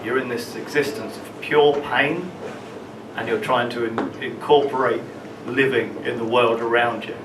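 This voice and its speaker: A man telling a personal story at an open mic, halting and often repeating words as he goes. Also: medium pitch, steady tone. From London, England. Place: small open mic venue in a room. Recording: roomy, distant, with room ambience noise.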